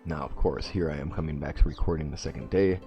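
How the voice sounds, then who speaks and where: With a bass voice that is creaky and dark in tone, this let's play host talks fast but steadily over soft background music. He has a stuffy nose from a cold and thinks aloud while reworking his plans during casual gameplay commentary, captured in lo-fi sound.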